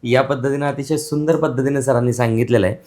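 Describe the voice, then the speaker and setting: Male interviewer, mid-pitched, keeps cheering the guest on. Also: fairly even intonation, fast, darkish tone. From Maharashtra. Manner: appreciative, frequent approving interjections. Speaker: podcast host.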